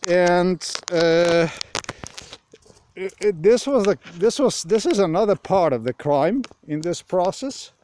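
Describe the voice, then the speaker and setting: Slow, halting man. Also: high voice, lively intonation, a little mellow, a little hiss or hum. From Slovenia. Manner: halting, full of pauses and restarts. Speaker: vlogger. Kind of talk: rambling monologue. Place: outdoors on a dark road at night.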